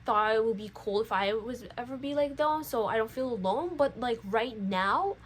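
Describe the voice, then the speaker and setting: A woman's voice: on the high side, lively intonation, normal speed, slight background noise, poor audio. A nineteen-year-old woman talking casually to her viewers in a rambling, lecturing way, with many fillers and restarts. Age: young adult. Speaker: vlogger. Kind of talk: casual chat.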